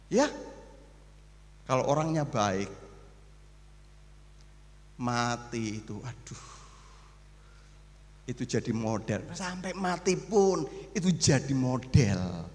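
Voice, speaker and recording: A high, bright-voiced man preaches a lively sermon in an echoing church hall. He swings between loud declarations and hushed asides, acting out mourners and gossiping neighbours. The long reverb trails after each phrase. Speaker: pastor.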